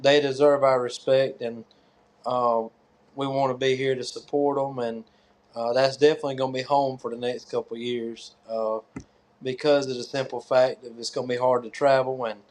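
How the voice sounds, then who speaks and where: A man from North Carolina with a Southern US accent, answering interview questions casually and haltingly as a competitor. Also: mid-range voice, level tone, darkish tone. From North Carolina, USA. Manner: hesitant, halting. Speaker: tractor pull competitor and track organizer.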